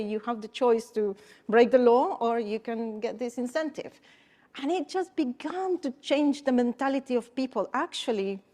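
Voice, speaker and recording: A woman's voice: fairly high pitch, dark tone. A woman from Costa Rica, speaking as a conference panelist and telling her story earnestly, with emphatic repetitions.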